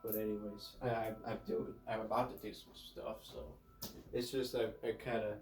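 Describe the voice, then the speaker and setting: A man's voice: on the low side, level tone, moderate pace. A man talks casually to his vlog with the blocked, stuffy nose of someone who has a cold. He rambles and corrects himself as he thinks aloud. The room rings with echo, and faint music sits behind him. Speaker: vlogger with a YouTube channel. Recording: echoey room.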